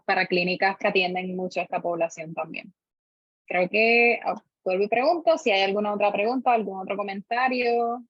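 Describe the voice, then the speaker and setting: A woman's voice: mid-range voice, no echo. A woman, politely moderating an online session. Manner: polite, courteous. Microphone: video call. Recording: muffled video-call audio.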